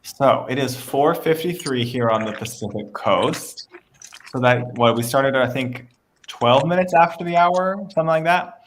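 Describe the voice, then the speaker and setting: A man's voice: mid-range voice, moderate pace, a little hiss or hum. A man hosting a live beading show, chatting casually, reading out viewer questions and laughing often. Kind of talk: casual livestream chat. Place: West Coast of the United States.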